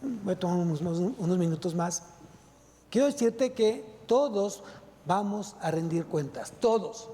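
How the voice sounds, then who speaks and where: A man's voice: sits high, animated, measured pace, dark tone. A man preaching a sermon to his congregation, putting emphatic rhetorical questions to them. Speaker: pastor. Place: church sanctuary. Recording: long reverb of a church hall.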